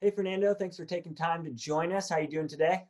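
A man's voice: a little high, steady tone, fast, darkish tone. A man hosting an interview podcast, reading a friendly scripted intro before chatting with his guest on a video call. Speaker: podcast host.

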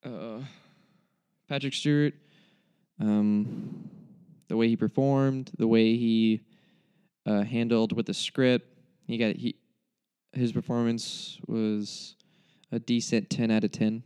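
A young man talks through a film review in a loose, rambling way, stopping and restarting his sentences with theatrical despair. His voice is smooth and clear, sitting at an ordinary middle pitch. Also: fairly even intonation, takes it slowly, long pauses, mellow. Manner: rambling, self-interrupting, mock-dramatic. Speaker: movie reviewer. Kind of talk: casual spoken movie review.

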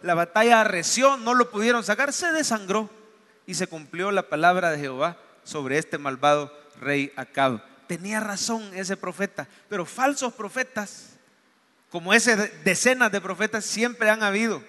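Male pastor, high bright voice, lively preaching in a church with long reverb. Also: normal speed. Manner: animated storytelling, acts out dialogue. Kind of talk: sermon.

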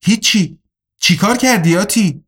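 A woman's voice: mid-range voice, pitched above the performer's own voice, natural voice. A man voicing a weary, stern female coach and supervisor in an audiobook, speaking in a guarded, worried way. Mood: anxious.

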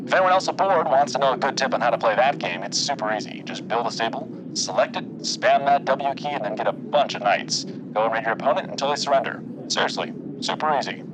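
A man playing an airline captain who makes a relaxed, unhurried announcement to the passengers in the cabin. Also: medium pitch, background noise, natural voice. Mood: calm.

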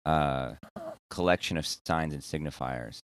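Deep, smooth-voiced rambling male host. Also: a little slow, no room sound. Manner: rambling, searching for words with many restarts. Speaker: podcast host. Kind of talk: casual group discussion.

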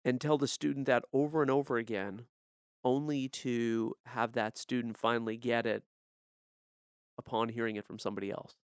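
A man with a gravelly yet smooth, resonant voice talks in a reflective, measured way in a casual conversation. He thinks aloud as he speaks. The sound is dry and close to the mic. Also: medium pitch, steady tone, no echo.

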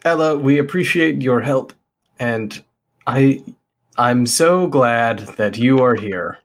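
A man's voice: mid-range voice, slow pace. A man playing his character in a tabletop game, cocky and boastful. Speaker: player.

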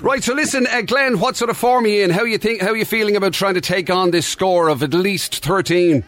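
A man's voice: high-pitched, a little fast, fairly bright tone, no room sound. A man with an Irish accent co-hosting breakfast radio in a casual, chatty style on a studio microphone. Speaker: radio co-host.

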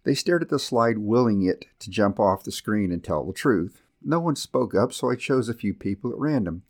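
A male podcast host giving a scripted narration in a measured storytelling manner. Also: lowish voice, expressive.

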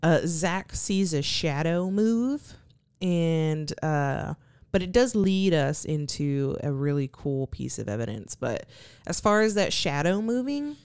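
A woman co-host with a smooth, resonant, slightly low voice, recorded close and dry. She talks through the episode in a relaxed, wry way, mostly giving short agreeing replies. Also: takes it slowly, no echo. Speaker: podcast co-host. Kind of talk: casual chat reviewing a TV episode.

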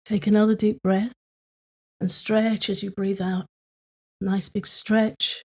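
A woman leading a guided tapping meditation for sleep, speaking in slow, soothing, repetitive prompts. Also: mid-range voice, flat delivery, darkish tone, slightly rough.

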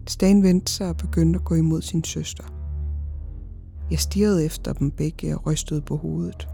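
Mellow-voiced woman narrating horror stories. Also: deep voice, fairly even intonation, vocal fry, faint music behind. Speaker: podcast host and narrator. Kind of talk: scripted horror story narration.

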